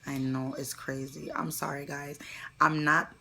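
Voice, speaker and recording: A young woman talks slowly to her vlog camera, her lowish voice gravelly with fry. She is soft and halting, often dropping to a whisper, earnest and close to tears. A steady hiss of background noise runs under the recording. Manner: tearful and earnest. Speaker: vlogger. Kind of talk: personal story vlog.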